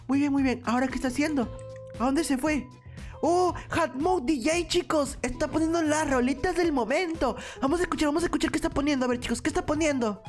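A woman hosting a gaming video, commenting excitedly to viewers and repeating phrases urgently over background music. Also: high voice, a little fast. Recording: music behind the voice.

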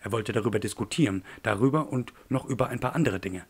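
A man reading a thriller audiobook in a measured, tense storytelling manner. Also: medium pitch, slightly rough. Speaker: audiobook narrator. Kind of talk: scripted audiobook narration.

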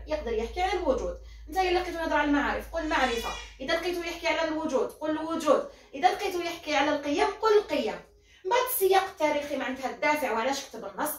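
An Algerian woman teaches a philosophy class, repeating each step and answering her own questions. Her voice is high and she talks fast. The sound comes from a distance in an echoey room. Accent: Algerian Arabic. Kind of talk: classroom lesson explanation.

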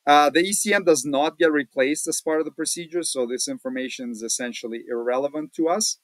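A man hosting a casual screen-share walkthrough, talking in a relaxed, plain-spoken way with many fillers, recorded at a home desk. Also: on the high side, a little fast, dry recording, poor audio. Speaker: automotive channel host.

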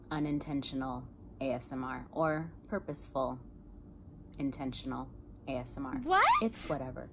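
A woman hosting a mukbang video, chatting playfully and joking between bites, sometimes dropping into soft whispery asides. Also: extremely low pitch, a little hiss or hum. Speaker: host. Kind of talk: casual mukbang chat while eating.

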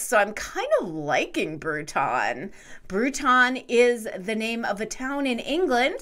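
A woman in casual conversation as a podcast co-host. Her pitch swings widely as she chats, and she laughs easily between points. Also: pushed and bright. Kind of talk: casual chat.

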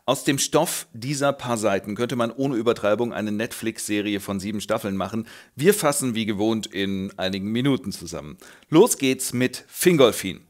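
A man's voice: lowish voice, moderate pace. A man narrating a comic summary of a book in a flippant, jokey way. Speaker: host, narrator.

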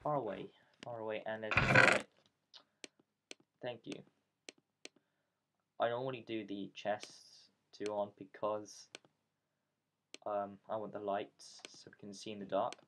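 A man with a lowish voice narrates his gameplay in a rambling, self-mocking way. He talks from his bedroom and now and then drops into a whisper. A clear hiss sits under the home recording. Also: level tone, takes it slowly, long pauses, sharp tone. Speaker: gaming channel host. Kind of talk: casual let's play commentary.

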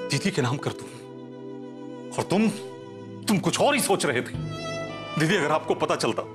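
This is a sly, scheming uncle from a TV family comedy, stammering and pouring on theatrical self-pity. His pitch swoops widely as he pleads, with background music running underneath. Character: sly middle-aged uncle, melodramatic schemer. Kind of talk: TV comedy drama acting.

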